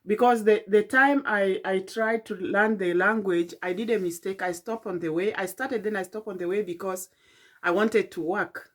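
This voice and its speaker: A middle-aged Kenyan woman telling a late-night personal vlog in a tired, halting, reflective way, with many fillers and restarts. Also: medium pitch, steady tone. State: tired and yawning. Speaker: vlogger.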